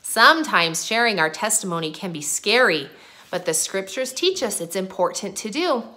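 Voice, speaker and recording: A young woman teaching an online preschool lesson, talking gently and sing-song to small children. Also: mid-range voice, sing-song, normal speed.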